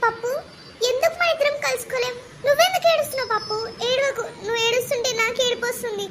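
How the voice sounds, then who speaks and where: A voice actor playing a gentle schoolgirl who consoles her crying boyfriend. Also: very high voice, fast talker, heavy background noise. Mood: gentle consoling. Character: sweet, soothing schoolgirl sweetheart.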